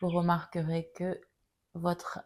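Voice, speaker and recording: A woman teaching a yoga class, giving calm, gently guiding cues through each pose. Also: on the low side, slow pace. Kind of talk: guided yoga instruction.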